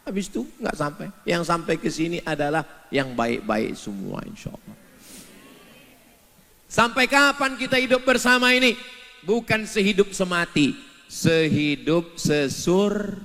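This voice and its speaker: Male preacher, slightly high voice, slow deliberate pace, humorous sermon with chanted verses, long hall reverb. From Indonesia. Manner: lively, joking, sings verses in long drawn-out chant.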